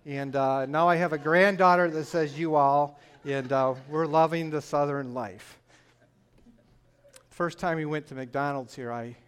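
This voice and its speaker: An older man from Michigan, with a northern Michigan accent, shares his personal faith testimony at church, earnest and story-like, with frequent "uh"s. His voice sits on the high side, steady and clean, at a measured pace.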